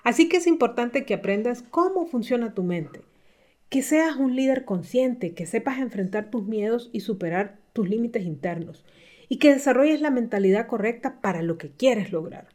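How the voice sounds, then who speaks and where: A middle-aged woman coach giving a motivational talk, speaking with lively, emphatic swings up in pitch. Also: moderate pace. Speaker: leadership coach.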